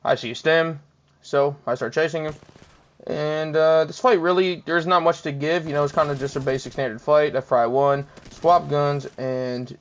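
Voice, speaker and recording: A man's voice: fairly high pitch, fairly even intonation, normal speed. A young man giving casual, laid-back commentary over his own gameplay, chuckling often and poking fun at himself. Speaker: gaming commentator. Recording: dull lo-fi mic.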